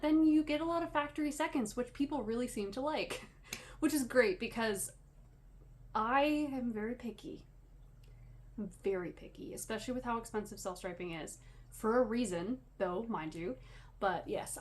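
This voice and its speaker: A woman chatting casually as a podcast host, slightly wheezy and short of breath, with rambling, self-deprecating asides. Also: mid-range voice. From Canada. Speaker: podcast host and yarn dyer. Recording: clear background room noise.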